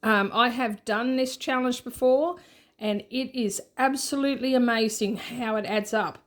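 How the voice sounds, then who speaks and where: Her voice is a touch high and slightly bright, moving at an ordinary speed. The Australian host of a budgeting channel casually presents her printables, chuckling at herself during this easygoing show-and-tell.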